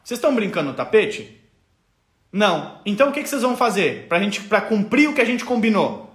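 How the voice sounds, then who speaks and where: A man's voice: high voice, sing-song, fairly quick, fairly bright tone, roomy sound. A man with a Brazilian accent giving a live parenting lesson, explaining step by step, checking in often and acting out the voices of parents and children. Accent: Brazilian Portuguese. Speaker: parenting educator. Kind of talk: live parenting lesson, answering viewer questions.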